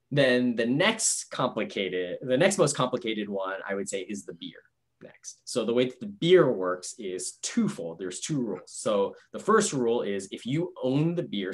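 A man giving a casual, rambling board game review, explaining step by step on a video call. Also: on the low side.

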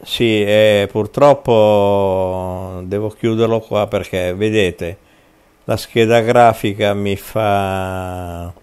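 A man hosting a casual gameplay video from home, talking in a halting way with many fillers. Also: fairly low pitch, steady tone, a little mellow, clear, resonant tone.

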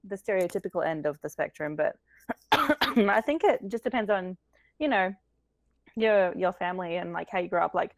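A woman with a cultured Australian accent, speaking in a fairly low voice while she fights off a cold. She chats warmly and laughs easily as a podcast guest, recorded dry and close. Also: animated, moderate pace, no room sound. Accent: Australian, cultured end. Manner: laughs often, friendly and chatty. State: has a cold, coughing. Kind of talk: casual chat.

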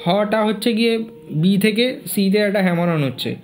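A man's voice: high voice, normal speed. A man teaching a fingerstyle guitar lesson, counting beats, naming notes and singing bits of the tune. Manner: counts beats and names notes, sings snatches of the melody. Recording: loud guitar playing along.

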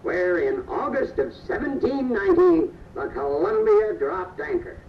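Slow, gravelly man narrating history. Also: very high voice, huge pitch swings, a little hiss or hum. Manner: stately storybook delivery. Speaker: ride narrator. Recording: distant roomy lo-fi PA playback.

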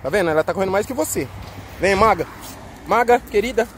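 A man's voice: high-pitched, animated, a little fast, background noise. A man with a Brazilian Portuguese accent, walking his dogs outdoors and talking to them in a chatty, coaxing way. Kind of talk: casual talk to pets on a walk. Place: outdoors on a street walk.

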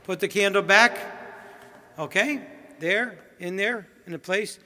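Priest running a rehearsal: high-pitched man, breezy instructions with quips, long church echo. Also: unhurried, sharp tone. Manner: chatty, directive, joking asides. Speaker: priest leading a wedding rehearsal. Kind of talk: giving stage directions at a rehearsal. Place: large church.

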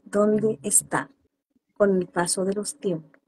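A woman's voice: mid-range voice, steady tone, slow, a little mellow, husky, no room sound. A woman therapist speaking earnestly in an interview about parenting, acting out parents and children as she explains. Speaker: guest therapist.

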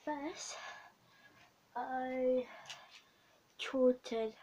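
A young woman playing an attentive bookshop and library clerk in an ASMR role-play, talking haltingly in short, repeated phrases. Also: high voice, steady tone, dark tone, heavily acted. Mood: helpful. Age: young adult. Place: small home room, indoors. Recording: noisy home recording with clicks.

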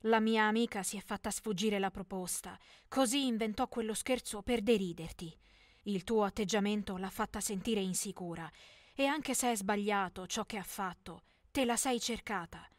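A woman voicing a young man, an exasperated ex-boyfriend who talks loudly and pleads to be left alone. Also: medium pitch, normal speed, dry recording, studio quality, close to an everyday voice. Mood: stern.

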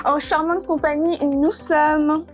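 Woman, TV talk show host, playful, laughs easily, high voice, faint background music. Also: steady tone, takes it slowly. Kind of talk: casual studio chat. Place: TV studio set.

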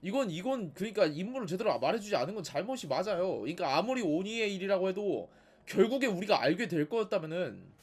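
A man's voice: high voice, sing-song, quick pace, breathy edge. A man giving casual, sarcastic commentary as he plays a game, nagging and talking back at the characters. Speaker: gaming video host.

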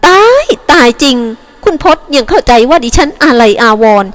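A woman voicing a haughty, sharp-tongued middle-aged wife who sneers and snaps in a shrill voice, read as an audiobook. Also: very animated, fairly quick. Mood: shrill mocking.

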